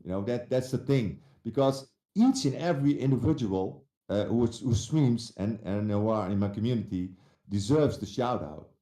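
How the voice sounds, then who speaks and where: Hesitant Dutch man with a mellow voice. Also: mid-range voice, lively intonation, moderate pace, reverberant. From Netherlands. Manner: hesitant, many restarts and fillers. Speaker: guest. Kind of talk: casual chat.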